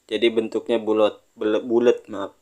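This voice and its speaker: A man's voice: lowish voice, level tone, warm tone, lo-fi sound. A man teaching Quran reading, stretching out each recited word before explaining it plainly, and inviting the listener to read along. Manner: drawn-out sung recitation of words, then plain explanation. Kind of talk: step-by-step recitation lesson.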